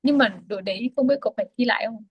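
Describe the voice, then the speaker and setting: A woman's voice: on the high side, rapid-fire, slightly rough, highs cut off. A woman student giving short replies and repeating practice words after her teacher.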